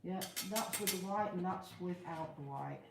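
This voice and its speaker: A woman's voice: lowish voice, moderate pace, creaky. A woman in her fifties hosting a live craft tutorial with a gushing, showy makeover reveal manner. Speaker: craft demonstrator, live show host. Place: large open workshop, indoors. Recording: roomy, noisy workshop, far from mic.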